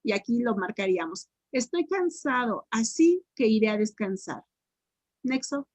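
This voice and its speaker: A woman teacher with a Mexican accent tutoring grammar online, repeating answers and sounding words out slowly syllable by syllable. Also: medium pitch, animated, warm tone, no echo. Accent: Mexican Spanish.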